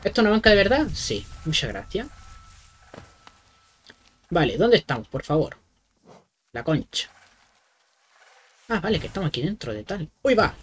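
A man's voice: high voice, sing-song, fairly quick, long pauses, a little hiss or hum. A man doing casual let's-play commentary like a scared horror game streamer, jumpy and swearing freely. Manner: foul-mouthed. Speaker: gaming streamer.

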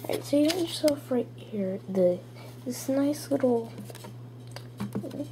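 With a high-pitched voice, lively intonation, and a measured pace, a child or teen casually rambles through a gadget review. The clip was captured indoors in a small room at home on a handheld camera's built-in mic, giving noisy audio with clicks.

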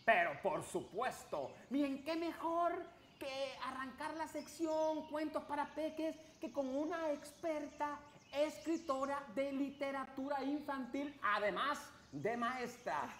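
A man's voice: very high voice, slow, a bit bright, reverberant, a little hiss or hum, exaggerated voice. A middle-aged man playing a cheerful, childlike clown host of a kids show, speaking in an exaggerated, wide-eyed, theatrical way. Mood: cheerful, welcoming. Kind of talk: kids show host, animated story reading.

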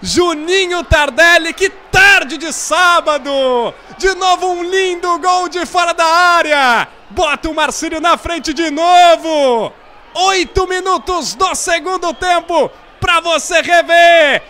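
A Brazilian man giving explosive live football goal commentary, shouting excitedly with drawn-out calls and catchphrases. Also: extremely high pitch. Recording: crowd and stadium noise behind. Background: football crowd.

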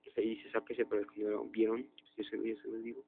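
Young man, gaming commentary, excitable outbursts, thin phone-like audio. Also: fast, vocal fry, a little hiss or hum. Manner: excitable, jumps to loud high outbursts. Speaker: gaming youtuber. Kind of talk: let's play commentary.

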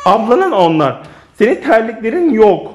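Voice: medium pitch, sing-song, moderate pace, very noisy. A woman chatting playfully to viewers and children in a casual family vlog, recorded inside a home. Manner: playful, teasing, talks to viewers and kids. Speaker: family vlogger.

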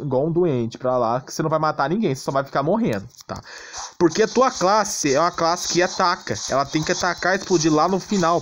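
A Brazilian gaming channel host with a fairly high, somewhat bright voice delivers casual gameplay tutorial commentary. Blunt and exasperated, he keeps attaching check-in questions to his phrases to make sure the listener is with him. Background noise and clicking sounds accompany him.

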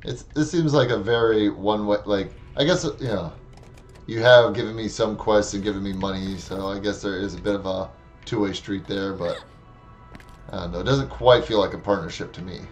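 Faint music plays behind this man's low, brisk voice. He's a Wisconsin native in his thirties with the local accent, streaming a game on a headset mic from a small room at home, chatty and wry as he answers back to the game.

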